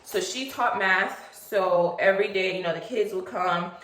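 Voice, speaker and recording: A woman's voice: mid-range voice, unhurried, fairly bright tone. Twenties woman from Nigeria, chatty vlogger who rambles, recorded with room echo. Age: 20s. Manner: rambling, chatty, lots of fillers and asides. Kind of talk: casual chat, get-to-know-me story. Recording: echoey room.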